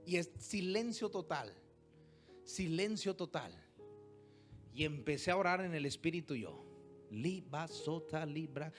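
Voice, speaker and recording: A man preaching a sermon as pastor, moving from hushed storytelling to loud exhortation and throwing rhetorical questions at the congregation. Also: sits high, lively intonation, unhurried, long pauses, faint music behind. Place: church service.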